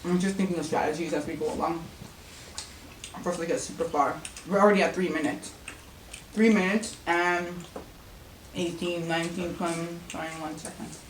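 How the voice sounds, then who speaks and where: A woman's voice: lowish voice, fairly even intonation, moderate pace, long pauses, a little hiss or hum. A woman vlogger chatting casually and teasing her partner during an eating challenge. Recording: echoey room, mic at a distance.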